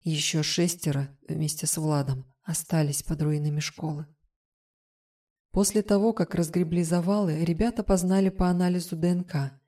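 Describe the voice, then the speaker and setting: A woman's voice: on the low side, moderate pace, dark tone, no room sound, studio quality. A woman narrating a first-person fiction audiobook with tense, vivid storytelling.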